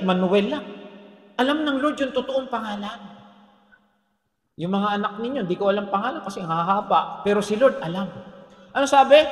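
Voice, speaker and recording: A man with a Filipino accent preaching a sermon as pastor, animated and joking, often asking the congregation questions. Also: sits high. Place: church hall. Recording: echoey hall reverb.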